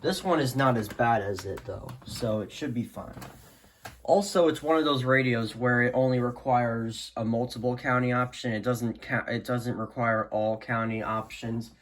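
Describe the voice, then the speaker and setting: A man speaks at medium pitch and normal speed while giving an unscripted, casual product demo for his hobby videos. He rambles and hesitates, often letting sentences fade into "so yeah." Noise is clearly audible in this amateur home recording.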